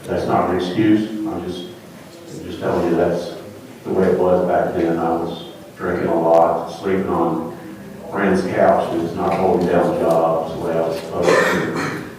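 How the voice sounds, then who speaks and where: A middle-aged or older man answering a judge as a defendant, halting, deferential and apologetic, recorded in a courtroom. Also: sits low, flat delivery, darkish tone. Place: echoey courtroom, distant microphone. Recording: very echoey, distant mic, faint noise.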